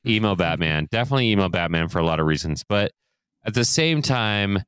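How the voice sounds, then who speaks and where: Man, low voice, smooth and resonant, wry podcast banter, dry. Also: lively intonation, a little fast, fairly bright tone, no room sound. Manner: wry, joking asides. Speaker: podcast co-host. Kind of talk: casual movie discussion.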